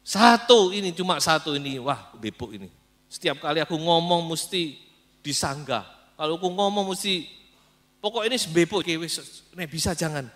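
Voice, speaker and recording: Give me a pastor putting on a scheming king, a pushy and grumbling ruler who coaxes and complains. His voice is raised a little and sounds bright and tense. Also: a little high, normal speed, pitched above the performer's own voice, close to an everyday voice.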